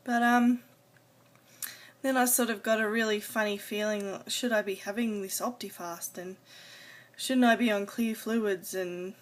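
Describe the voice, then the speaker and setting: A woman's voice: mid-range voice, steady tone, measured pace. An adult woman talking casually to camera in a personal vlog, rambling a little hesitantly and trailing off. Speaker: vlogger. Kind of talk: casual personal video diary.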